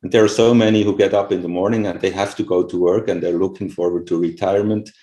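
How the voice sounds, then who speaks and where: This time the Swiss scientist talks at a quick pace, his low voice mellow with fairly even intonation. Middle-aged and not a native English speaker, he answers the interviewer's questions in a thoughtful, conversational style full of "you know" and "right?" asides, recorded in an echoey room.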